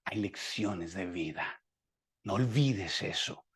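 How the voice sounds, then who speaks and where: A man preaching a sermon as pastor, acting out the dialogue with dramatic swings from soft to loud. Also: sits low, expressive, takes it slowly, breathy edge.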